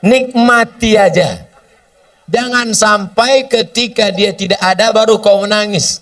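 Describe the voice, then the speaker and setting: A man's voice: high voice, a little slow, a bit bright, distant mic. A man preaching a humorous sermon, often acting out short dialogues between people. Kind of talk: sermon with question and answer.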